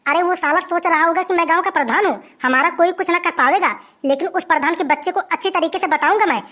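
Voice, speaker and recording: A performer voicing an angry old farmer in a who shouts complaints and threats. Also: very high voice, quick pace. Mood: angry complaining. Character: grumpy old village man, angry farmer.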